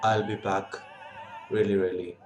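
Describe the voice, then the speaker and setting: A man with an Indian accent chatting casually as a vlog host, in a halting, hesitant way with pauses and repeats. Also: on the low side, level tone, over music. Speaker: video host, pipe and cigar hobbyist.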